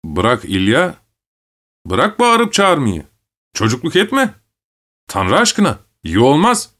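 A man's voice: sits high, huge pitch swings, measured pace, voice pushed up, full character voice. A man voicing a weary male village headman who scolds and coaxes. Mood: scolding, coaxing. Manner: scolding, then coaxing.

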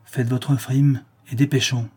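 A man reading an audiobook and voicing a coarse, impatient bailiff's officer who talks gruffly and brusquely. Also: medium pitch, fairly even intonation, unhurried, dark tone, pitched above the performer's own voice. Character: rough male debt collector's officer, impatient and coarse.

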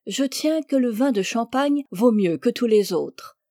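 Brusque greedy king, commanding, read by a woman, mellow and close. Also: fairly high pitch, animated, unhurried, no echo.

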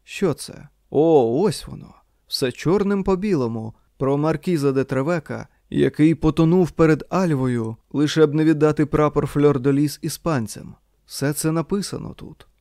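A man reading the lines of a gentle, teasing young wife in an audiobook, with a soft, slightly raised voice. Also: fairly high pitch, normal speed, no echo, clean studio sound, lightly acted. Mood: proud.

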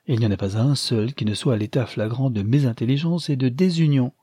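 A man reading as an earnest troubled young gentleman. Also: mid-range voice, fairly quick, breathy edge, dry recording, clean studio sound, natural voice. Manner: serious and confiding.

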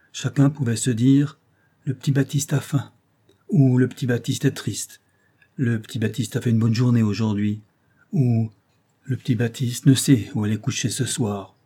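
A timid, grieving orphan boy violinist from a storybook, pouring out his sorrow in an emphatic, lamenting voice, as a man reading the tale puts him on. The tone is dark and a little husky. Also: medium pitch, lightly acted.

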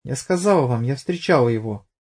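A man's voice: mid-range voice, animated, fairly quick, darkish tone, slightly rough. A man voicing an evasive young woman under questioning who flares up in anger, in an audiobook. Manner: evasive, hesitant, bursts out angrily.

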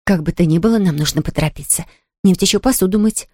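A kind, flustered young housemaid, as a woman reader puts her on in an audiobook, fretting and exclaiming. Her voice sits a little low and warm. The recording is dry and close. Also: fast, dry recording, lightly acted. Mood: anxious. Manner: fussing, anxious, exclaiming. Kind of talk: audiobook character reading.

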